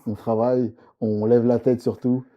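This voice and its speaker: A man's voice: medium pitch, little pitch movement, moderate pace, lo-fi sound. A man from Congo-Brazzaville, a comics author, speaking earnestly as a guest in a casual interview, with frequent restarts. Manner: earnest, many restarts and fillers, agrees often.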